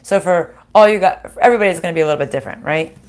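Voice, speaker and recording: A woman with a groggy, slightly hoarse voice recovering from a sinus infection, giving a casual spiritual card reading and thinking aloud in a halting, conversational way. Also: lowish voice, a little mellow. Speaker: spiritual card reader hosting a live reading.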